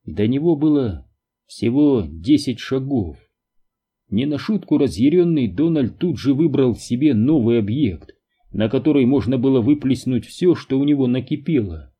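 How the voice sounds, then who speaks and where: A man reading an audiobook aloud in a scripted, expressive storytelling style. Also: medium pitch, moderate pace, husky. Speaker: audiobook reader. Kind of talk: scripted narration.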